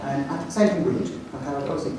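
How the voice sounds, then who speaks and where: Male headteacher with a London accent, animated anecdotal speaker; distant mic in a reverberant hall. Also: medium pitch, a little fast, a little hiss or hum. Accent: London English. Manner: jokey storyteller, animated, self-mocking. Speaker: headteacher giving a talk. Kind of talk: anecdotal presentation to an audience. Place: large hall with audience.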